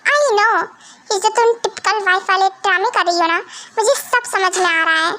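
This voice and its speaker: A woman's voice: extremely high pitch, moderate pace, bright, forceful tone. A woman voicing a cold, bossy young mafia husband who gives curt orders in an amateur fan dub. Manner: curt, commanding, dismissive.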